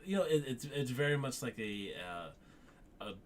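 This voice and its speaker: A man's voice: mid-range voice, expressive, measured pace, slight background noise. A man co-hosting a casual film review chat, rambling with many restarts and crude jokes.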